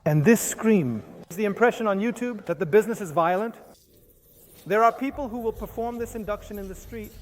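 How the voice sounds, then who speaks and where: A man giving an instructional hypnosis demonstration as a teacher, speaking in short, halting phrases with commands and repetitions. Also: high voice.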